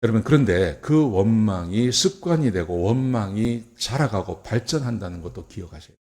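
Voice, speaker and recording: A man preaching a sermon as pastor, talking conversationally with rhetorical questions and swinging from soft to emphatic. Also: lowish voice, expressive, normal speed. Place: church.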